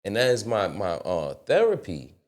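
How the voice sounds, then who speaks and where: A man telling a personal story as a guest on a casual studio talk show, profane and animated. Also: on the low side, moderate pace. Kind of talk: casual podcast chat. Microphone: studio mic.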